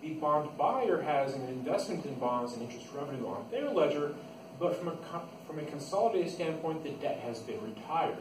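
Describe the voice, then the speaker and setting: An accounting instructor gives an informal classroom lecture, walking through the material step by step and restating key points. His voice is on the high side, expressive, and a little fast. The room is echoey and noisy, and the microphone sits at a distance.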